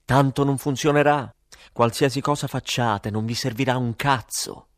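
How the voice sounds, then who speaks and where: A man's voice: on the low side, fairly quick, darkish tone, dry recording, studio quality, lightly acted. A man voicing a drunk, belligerent young soldier in an audiobook, talking in a crude, threatening way. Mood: shouting.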